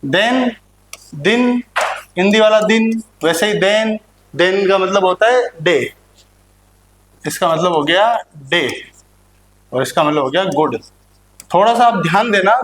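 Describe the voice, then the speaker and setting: A man teaching a playful lesson to students, repeating words slowly and joking with them. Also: sits high, a little hiss or hum. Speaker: language teacher. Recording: echoey room.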